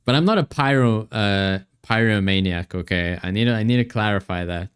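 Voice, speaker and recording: A man's voice: on the low side, fairly quick, clean tone. A man livestreaming from a home setup, chatting casually and thanking viewers over a headset mic in a rambling, upbeat way.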